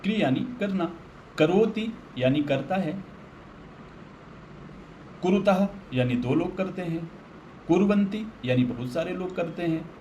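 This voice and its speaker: Man teaching sanskrit, slow and patient, kinda high-ish voice, faint hum behind. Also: expressive, warm tone, muffled recording. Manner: patient, explains slowly with everyday examples. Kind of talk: online grammar lesson.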